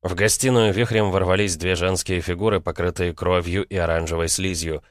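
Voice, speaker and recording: A man narrating a fantasy audiobook in a steady, even reading. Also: low-pitched, brisk, no room sound, clean studio sound. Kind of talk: scripted fiction narration.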